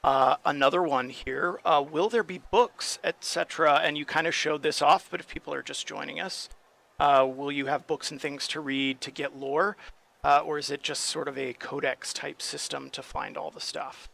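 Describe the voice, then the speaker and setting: Guy moderating a stream, gravelly voice, kinda high, reads questions out. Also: steady tone, normal speed, fairly bright tone. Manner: apologetic, reads questions aloud. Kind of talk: live stream chat.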